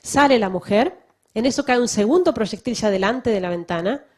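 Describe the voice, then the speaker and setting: A woman speaks to a church audience in a fairly high voice that rises and falls a lot. She talks with emphasis and keeps asking the listeners rhetorical questions. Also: expressive, normal speed. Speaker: missionary giving a testimony. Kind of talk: public talk to a church audience.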